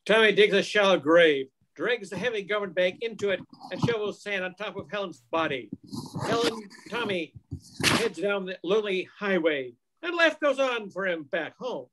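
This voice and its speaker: A man in his sixties reads scripted narration for an old-time radio crime drama, recorded at home over a video call on a computer mic. His high-pitched voice is animated and fairly bright at a normal speed, and the audio quality is poor.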